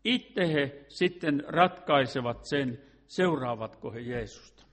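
A man's voice: medium pitch, lively intonation. A man preaching a sermon in an earnest way, asking rhetorical questions and sometimes restarting a phrase.

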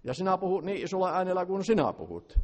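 A man's voice: high-pitched, big pitch swings. An older man preaching a revival sermon with a big, fervent voice and plainspoken asides. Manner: loud, fervent, plainspoken with self-deprecating asides. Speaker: lay preacher. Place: large meeting hall. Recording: long hall reverb.

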